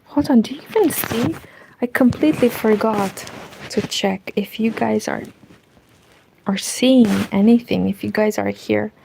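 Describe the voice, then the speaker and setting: The audio is poor, with slight background noise, as a Romanian-accented woman knits on stream in her curtained home room. Her fairly high voice is gravelly and dark at a measured pace, and she rambles casually to viewers, talks to herself, and often whispers.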